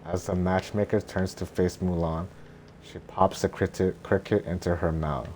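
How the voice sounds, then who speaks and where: A man reading a script aloud in a boring, droning, deadpan monotone, with faint noise behind him. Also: low voice, moderate pace. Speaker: reader of screenplay.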